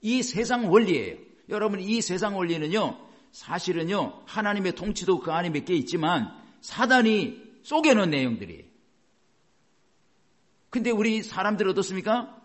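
A man preaching a sermon as a pastor, animated and often acting out the voices he quotes. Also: sits high, moderate pace.

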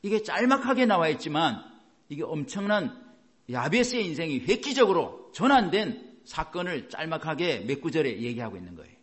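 A man's voice: on the high side, very animated, normal speed, a bit bright. A man preaching a sermon in a dramatic way, asking his listeners rhetorical questions and acting out quotes. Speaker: pastor.

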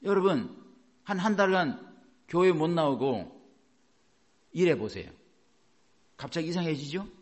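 A man's voice: on the high side, animated, measured pace, pauses often. A male pastor preaching a sermon, emphatic and asking his congregation rhetorical questions.

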